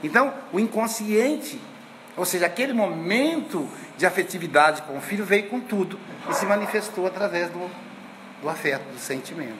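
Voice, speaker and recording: Brief: male teacher, 50s, fairly high pitch, chatty storyteller, faint noise behind. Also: lively intonation, moderate pace. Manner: chatty storyteller, frequent tag questions. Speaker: course teacher. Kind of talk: conversational lecture with anecdotes.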